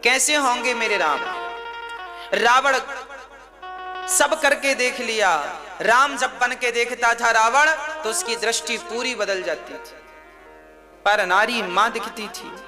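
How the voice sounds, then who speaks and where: A male preacher with a very high voice telling a devotional story in slow, drawn-out phrases. He asks the listeners rhetorical questions, with instrumental music playing behind him.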